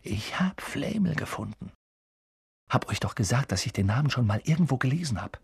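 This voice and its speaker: A man voicing a kind, earnest teenage schoolboy who speaks in a low-key way in an audiobook. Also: animated, fast talker, husky, no room sound, studio quality. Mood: excited. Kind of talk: audiobook character voice.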